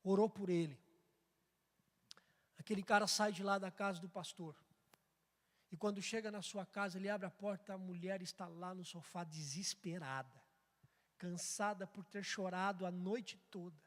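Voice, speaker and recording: A pastor preaching a sermon in a church, telling a story dramatically and swinging between loud and hushed. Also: male voice, sits high, fairly even intonation, normal speed, long pauses. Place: church sanctuary. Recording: echoey church hall.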